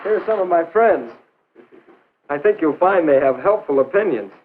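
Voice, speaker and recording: A man acting a courteous discussion leader, measured and slightly stiff, in 1950s educational film style. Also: a little high, lively intonation, natural voice. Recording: noisy, phone-like 1950s film soundtrack.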